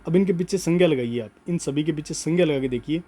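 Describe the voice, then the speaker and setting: Mellow-voiced man teaching grammar. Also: a little high. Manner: slow emphatic dictation, repeats words, frequent "ठीक है". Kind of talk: Hindi grammar lesson, dictating notes.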